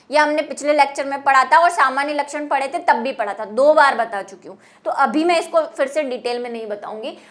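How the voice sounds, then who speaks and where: High-voiced woman teaching biology. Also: fairly bright tone. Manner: explanatory, repeats key terms in Hindi and English. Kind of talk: classroom lecture.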